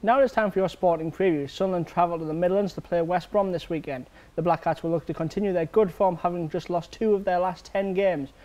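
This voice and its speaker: A man presenting sports news from a script in a steady read. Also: sits high, brisk, hardly any pauses, highs cut off.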